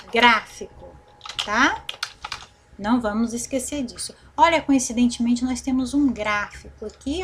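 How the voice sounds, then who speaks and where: A Brazilian woman teaching a recorded grammar lesson, repeating and stretching syllables slowly and checking in with the class often. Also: fairly high pitch, breathy edge. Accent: Brazilian Portuguese. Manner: slow, drawn-out repetition of syllables, frequent "né?" and "tá certo?" check-ins.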